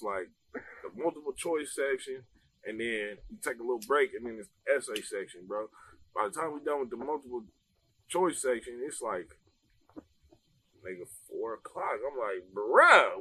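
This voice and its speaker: Animated young man telling a story. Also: mid-range voice, moderate pace, breathy edge. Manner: animated, laughing, heavy slang and swearing. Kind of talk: casual storytelling chat.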